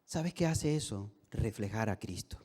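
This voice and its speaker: A man serving as co-pastor, preaching a sermon in a church with emphatic delivery that moves between soft and raised passages. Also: fairly low pitch, animated, unhurried, breathy edge. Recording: reverberant church hall.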